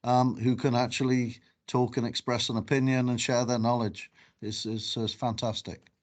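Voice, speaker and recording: A man's voice: mid-range voice, little pitch movement, normal speed. A man moderating a webinar in a chatty way, with fillers and restarts.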